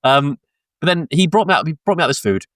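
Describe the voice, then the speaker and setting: Speaking fast in a voice on the high side, a young man from Britain tells a rambling anecdote as a podcast co-host, peppered with swears, laughs and ums. He sounds animated and a bit bright. There's no echo, just studio-quality audio from a close mic.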